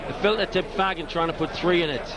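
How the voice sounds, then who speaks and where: A man's voice: a little high, quick pace. A man giving live darts commentary with colourful, theatrical turns of phrase. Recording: loud crowd and noise behind. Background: noisy darts crowd.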